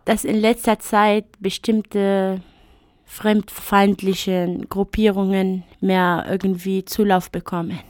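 In a dry, clean studio recording, a woman whose first language is Arabic speaks German as a radio interview guest, thoughtfully recounting her own life with some hesitations and fillers. Her medium-pitched voice is level, slow and a little mellow.

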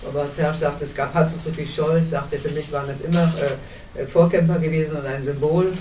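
A German woman in her seventies speaks as a panel guest in a cinema hall, earnestly recounting memories and often restarting sentences while she searches for words. Her voice sits low and dark, with a steady tone and a fairly quick pace. The distant mic picks up an echoey hall and slight background noise.

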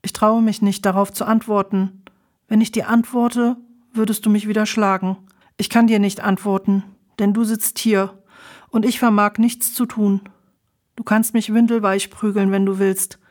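A woman reading the part of a frightened, battered young man who pleads anxiously in halting phrases in a storybook. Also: medium pitch, little pitch movement, a little mellow, natural voice. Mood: fearful.

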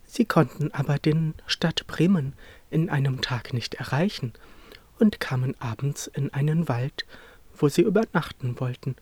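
Fairy-tale reader, slow unhurried pace, lively melodic voice, dry close sound. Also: medium pitch, husky, dry recording. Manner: slow, expressive storytelling. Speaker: narrator. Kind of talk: storybook reading of a fairy tale.

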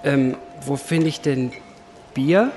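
A man's voice: medium pitch, slow, music in the background, natural voice. A man playing a desperate, flustered everyman who stammers while hunting for beer.

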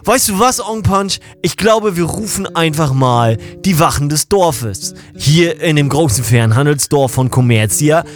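A man's voice: a little high, expressive, a little slow, hardly any pauses, soft background music. A man narrating a first-person audio story in a casual, colloquial and ironic way.

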